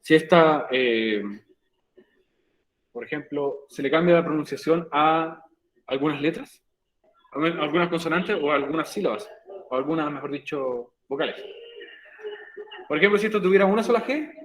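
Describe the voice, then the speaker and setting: A male teacher with a slightly high voice walks students through a grammar rule, patiently repeating each step. The recording carries the echo of a bare room. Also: moderate pace, pauses often. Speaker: English teacher. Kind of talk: virtual class explanation in Spanish. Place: room, recorded for an online class.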